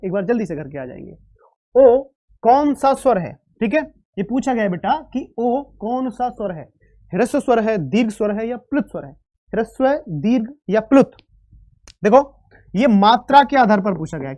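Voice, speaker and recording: A woman's voice: mid-range voice, warm tone. A woman teaching a live online Hindi exam-prep class, drilling sounds aloud and calling students "beta".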